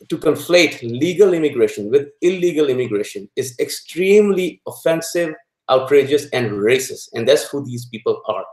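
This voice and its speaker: Pakistani-born man, halting and indignant. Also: medium pitch, darkish tone, roomy sound, poor audio. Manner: halting, many uh fillers, indignant. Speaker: guest. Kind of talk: political interview.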